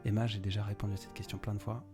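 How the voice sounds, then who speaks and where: A man's voice: on the low side, little pitch movement, racing, music in the background. A young man hosting a live stream, chatting casually and rambling as he answers viewers by name. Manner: rambling, improvised, talks straight to viewers by name. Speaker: poet and live-stream host.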